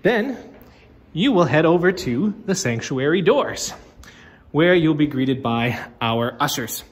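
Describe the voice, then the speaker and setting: A pastor in his thirties films himself on a phone held at arm's length as he walks through an empty church, chatting casually with lots of fillers and restarts. His voice is a little high, animated and husky, and he takes it slowly; the hall is reverberant with faint ambience.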